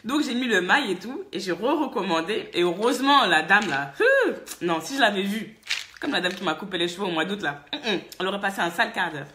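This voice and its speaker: A woman's voice: mid-range voice, quick pace. A French woman vlogger from France, telling a casual, chatty story and laughing often. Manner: lively, chatty, laughs often, many fillers. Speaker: vlogger and hair-care business owner.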